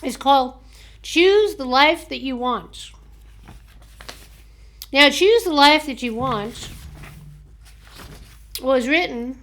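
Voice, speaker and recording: An American woman hosting a book show, chatting casually and reading aloud from books and notes, a little hoarse from a slightly sore throat. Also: high voice, a bit bright, slight background noise. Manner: chatty, laughs at herself, reads aloud haltingly. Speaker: host of a book review show.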